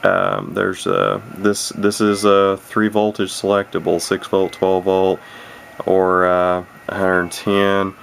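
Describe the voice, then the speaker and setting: Slow and level, with a deep but slightly bright voice, this man hosts his own vintage radio video and shows off his hobby without a script. He rambles, hesitates and talks himself down. The home recording from a camera mic is plainly noisy, with background noise clearly present.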